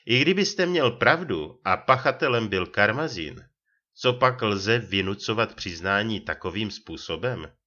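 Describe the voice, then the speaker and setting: A man's voice: fairly low pitch, animated, pushed and bright, highs cut off. A man doing an exasperated police lieutenant. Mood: indignant. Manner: exasperated, scolding. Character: indignant male police first lieutenant, exasperated.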